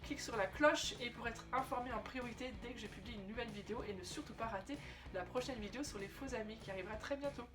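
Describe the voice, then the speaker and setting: A young woman giving a casual video lesson as a German teacher, chatty and lively, checking in with the viewer often and switching to careful German pronunciation. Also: fairly high pitch, fast, over music. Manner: lively, chatty, frequent "euh" and "d'accord?" check-ins.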